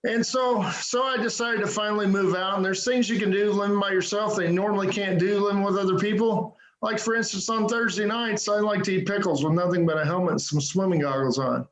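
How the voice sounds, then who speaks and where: A man's voice: high voice, steady tone, fairly quick, few pauses. A man doing a self-deprecating stand-up set over a video call, punctuating jokes with "right?". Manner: self-deprecating, punchy joke delivery with frequent "right?". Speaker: stand-up comedian. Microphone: computer mic on a video call. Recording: echoey room on a video call.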